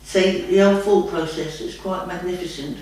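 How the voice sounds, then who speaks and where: A woman's voice: fairly low pitch, fairly even intonation, moderate pace, darkish tone. A woman speaking as a trance medium, answering questions in a homely, rambling way and calling the listener lovey. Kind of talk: spiritual guidance session, casual chat. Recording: very echoey room, far from the mic.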